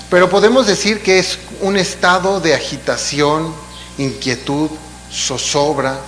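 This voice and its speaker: A man's voice: a little high, fairly bright tone. A man preaching a sermon in a church, explaining in a conversational way with asides and rhetorical questions. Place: church hall. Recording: long hall reverb, faint hum.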